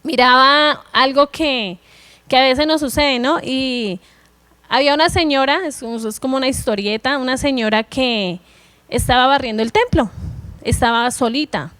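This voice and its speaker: Earnest woman preacher, high clear voice, close and dry, for a sermon read. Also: moderate pace, fairly bright tone, no echo. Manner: earnest, exhorting young listeners with repeated phrases.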